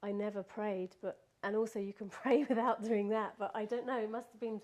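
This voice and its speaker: A woman's voice: medium pitch, fairly even intonation, brisk, darkish tone. A woman recounting a personal experience in casual spoken storytelling, laughing often and restarting her sentences.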